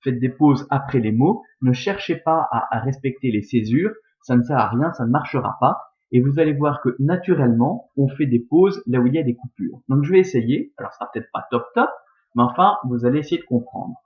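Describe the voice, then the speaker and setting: A man's voice: medium pitch, lively intonation, fairly quick, dull audio. A man carefully explaining, step by step, how to read and scan Latin verse aloud.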